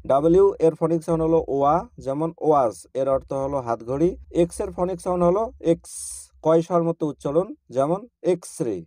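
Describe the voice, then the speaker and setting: Patient man teaching phonics slowly. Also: on the high side, dark tone, dry recording. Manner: patient, repetitive teaching cadence. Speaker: English reading teacher. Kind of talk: slow phonics lesson for children.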